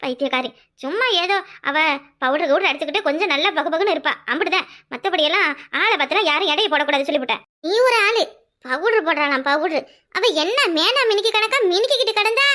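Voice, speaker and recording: A woman's voice: fast talker, heavily acted. A woman with a southern Tamil Nadu accent voicing a loyal elder village sister who scolds firmly in a cartoon. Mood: scolding. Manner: firm, scolding, lower and steady. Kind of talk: cartoon voice acting.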